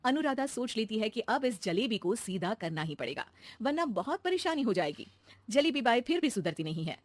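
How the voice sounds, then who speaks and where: A woman's voice: on the high side, very animated, normal speed, dry recording. A woman narrating a scripted children's cartoon story as the storyteller.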